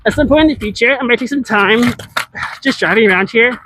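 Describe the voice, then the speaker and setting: A chatty live streamer talks while walking and scootering outdoors through a big city, rambling freely and answering viewer chat along the way. The voice sits at a middling pitch. Faint outdoor noise hums underneath. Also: a little fast. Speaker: IRL streamer.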